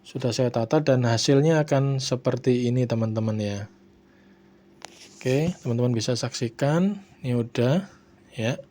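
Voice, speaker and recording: A man calmly walking viewers through a video editing tutorial, stopping often to check in with his audience. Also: medium pitch, a little hiss or hum. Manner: unhurried, repeats "ya, teman-teman" often. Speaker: tutorial host. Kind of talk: screen-recorded software tutorial.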